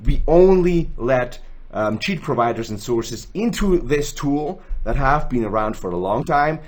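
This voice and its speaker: A lively young Swiss man hosts a gaming tools channel and explains things in a screen-recorded tutorial. His voice is medium-pitched and unhurried, and he's chatty and self-joking, gesturing as he talks. He's indoors in a small room, sitting in a gaming chair.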